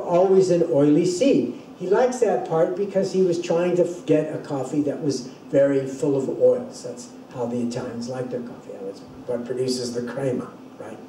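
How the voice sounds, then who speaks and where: In a classroom lecture recorded from a distance in a reverberant room, an older man speaks in a dark, mid-range voice. He explains patiently and keeps restarting his sentences, and a little hiss or hum is audible.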